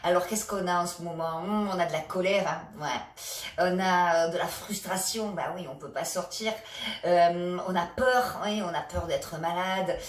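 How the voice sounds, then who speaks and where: French laughter yoga teacher in an echoey room. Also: female voice, on the low side, normal speed. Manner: gentle coaching with many hesitations. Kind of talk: guided exercise session. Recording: echoey room, a bit far from the mic.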